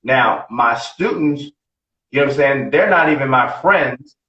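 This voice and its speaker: A man's voice: medium pitch, animated, unhurried, bright, forceful tone. A man in his late forties talking bluntly and profanely on a casual podcast, often repeating himself. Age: 40s. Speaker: podcast co-host. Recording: roomy, distant, dull lo-fi sound.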